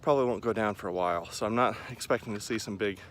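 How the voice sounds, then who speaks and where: Male, 40s, low voice, casual rambling vlogger pacing outside, with ambient noise behind him. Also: rapid-fire. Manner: rambling, self-deprecating, talking while pacing around. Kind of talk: casual running vlog chat to camera. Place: outdoors in a park by a lake. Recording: clear outdoor ambient noise.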